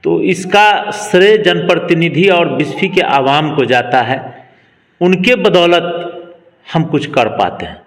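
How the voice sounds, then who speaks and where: This man in his twenties, a local party worker, gives a political interview with emphatic, rally-style delivery. He speaks slowly in a fairly high, expressive voice, and there's long reverb on the recording.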